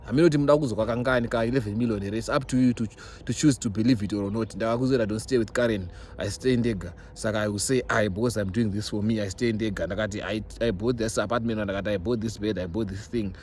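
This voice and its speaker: Fast-talking young Zimbabwean man, emphatic. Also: lowish voice, a little mellow. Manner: emphatic, repeats himself for stress. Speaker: vlogger. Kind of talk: casual chat to followers, mixing Shona and English. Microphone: phone. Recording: noisy background ambience, phone recording.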